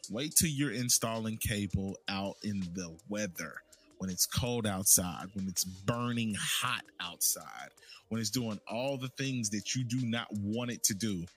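A man's voice: lowish voice, a little slow, a bit bright, faint music behind. A man casually telling a long personal story about his work, rambling with restarts and repeats. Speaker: storyteller recounting work life.

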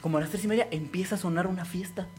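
A man's voice: sits high, very fast. A man with a Mexico City accent, chatting casually and joking with plenty of slang and swearing. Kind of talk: casual comedic chat.

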